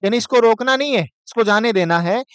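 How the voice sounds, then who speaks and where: Male lecturer, high crisp voice, dry close sound, quizzing style. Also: a bit bright, dry recording. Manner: chants verses slowly, asks and answers own questions. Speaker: teacher. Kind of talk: exam-prep lecture.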